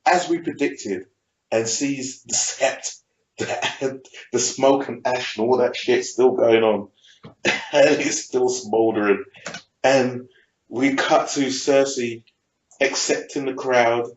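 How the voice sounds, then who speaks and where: A man with a South London accent, hosting a casual TV review and retelling scenes in an animated, sweary, slang-heavy way. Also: mid-range voice. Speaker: TV review show host. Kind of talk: casual TV recap chat. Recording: roomy dull lo-fi room sound.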